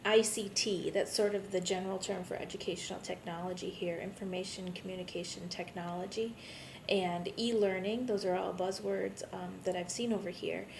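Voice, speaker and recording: In a low-quality recording with rumbling background noise, a jet-lagged, somewhat weary course instructor talks casually to her online students in a loose, wandering video message. Her voice is creaky and slightly mellow, with fairly level intonation and a moderate pace.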